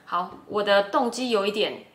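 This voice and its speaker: A woman's voice: mid-range voice, normal speed. Taiwanese woman vlogger with a Taiwanese Mandarin accent, emphatic and upbeat in delivery, recorded in an echoey room. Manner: emphatic, chatty, encouraging. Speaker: YouTuber and English-language host. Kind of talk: casual talk to camera. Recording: roomy echo.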